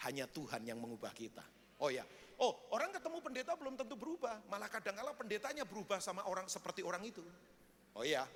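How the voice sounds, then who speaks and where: A man's voice: on the high side, a bit bright, a little hiss or hum. A male pastor preaching a sermon, telling stories in a chatty way and asking the congregation questions. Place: church. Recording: echoey church hall.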